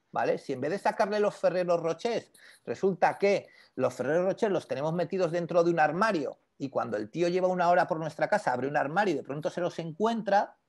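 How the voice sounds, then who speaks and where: A man teaching an online class on e-commerce, conversational and animated, constantly checking in with his students. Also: a little high. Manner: conversational, peppers speech with "¿vale?"; animated, lively explanations with asides to students. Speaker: e-commerce instructor.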